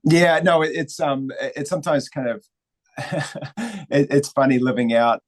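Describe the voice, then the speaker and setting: A man from New Zealand speaks as an interview guest, thoughtful and reflective, at a moderate pace in a mid-range voice. His New Zealand accent carries a slight Australian or American tinge, and the recording is rough.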